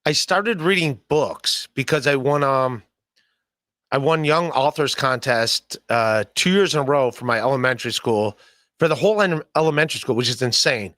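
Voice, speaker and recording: A man's voice: medium pitch, normal speed, fairly bright tone, no room sound, clean studio sound. A man hosting a podcast, chatting casually and teasing his guest with playful jokes. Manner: joking, teasing, playful asides. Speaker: podcast host.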